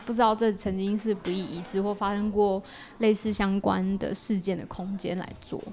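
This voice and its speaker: Talking at a normal speed in a mid-range, level voice with a dark tone, a Taiwanese Mandarin-accented woman guests on a podcast. She casually explains her creative work, as in a relaxed interview.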